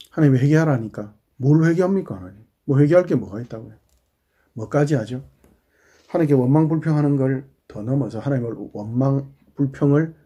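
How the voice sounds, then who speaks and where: A middle-aged man, a pastor giving a sermon in a conversational way, asking the congregation questions and dropping into quiet asides. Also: mid-range voice, breathy edge.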